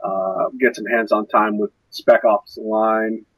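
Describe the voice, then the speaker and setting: Young male co-host, low husky voice, dry close sound, rambling and hunting for words. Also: flat delivery, measured pace, no echo, dull audio. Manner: rambling, searching for words with many fillers. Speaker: podcast co-host. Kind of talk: casual gaming podcast chat.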